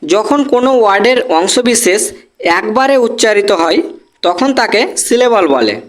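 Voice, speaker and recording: A teacher talks through a basic grammar lesson. The voice sits at a middle pitch, and the delivery is patient, drawing example words out slowly. The teacher keeps pausing to check that the class has understood. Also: lively intonation. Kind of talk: Bengali-language English grammar lesson.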